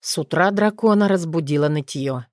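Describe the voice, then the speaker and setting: A woman narrating an audiobook in a steady, measured storytelling manner. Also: low-pitched, no echo, clean studio sound.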